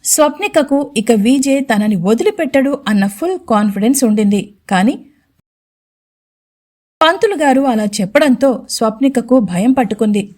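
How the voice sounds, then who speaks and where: A woman storyteller reads a romantic audio story in a fairly high voice. Her reading is steady and expressive. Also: normal speed. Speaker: storyteller, radio jockey. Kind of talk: scripted audio story narration.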